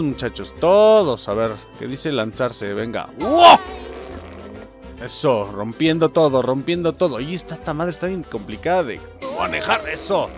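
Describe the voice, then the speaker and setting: A Mexican man doing let's play commentary, excitable, swearing and shouting at the game. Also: fairly high pitch. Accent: Mexican Spanish. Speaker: gamer host.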